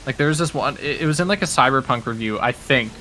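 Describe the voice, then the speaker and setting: A man's voice: mid-range voice, fast, sharp tone, a little hiss or hum. A man hosting a casual gaming stream, rambling with lots of fillers and swearing freely. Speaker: host.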